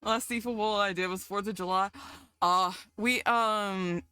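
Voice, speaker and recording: A woman from the South, chatting casually with her stream chat, chatty and quick to giggle. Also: mid-range voice, clear, resonant tone, dry recording, studio quality. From American South. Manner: giggly, chatty, easily excited.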